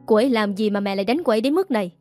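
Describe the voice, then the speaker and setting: A woman's voice: medium pitch, animated, racing, a little mellow, soft background music, lightly acted. A woman voicing a stern young husband who questions coldly. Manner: cold, demanding.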